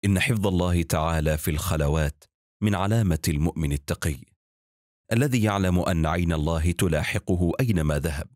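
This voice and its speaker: A man telling a religious story in scripted narration, with a measured, formal and reverent delivery. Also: low-pitched, darkish tone, dry recording, studio quality.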